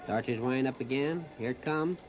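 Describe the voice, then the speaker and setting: The muffled, noisy recording comes from a 1930s radio disc of an American man doing baseball play-by-play. He talks at a moderate pace in a medium pitch, using short, folksy, plain-spoken phrases.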